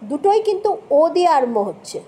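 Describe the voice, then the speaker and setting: A woman's voice: very high-pitched, big pitch swings, fast talker, warm tone. A woman teaching English pronunciation, spelling words out letter by letter, repeating sounds patiently and often checking that listeners follow. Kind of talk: spoken lesson with spelled-out words.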